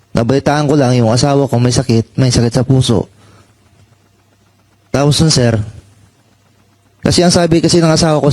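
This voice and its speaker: A man who served as a marine gives personal testimony in a halting voice of middle pitch. He breaks his speech into short pieces and adds "sir" to almost every phrase. The recording is dry and close. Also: a little mellow, no room sound. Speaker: former marine.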